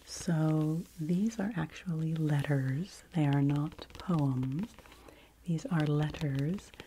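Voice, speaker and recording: A woman in her forties doing soft-spoken ASMR book talk in a hushed library whisper, gently and close to the microphone. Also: low-pitched, a little hiss or hum, low-quality recording. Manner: hushed, gentle, slow, often dropping into an unvoiced whisper. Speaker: ASMR video creator reviewing library books. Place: small home room with a bookshelf. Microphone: fur-covered microphone close in front of her.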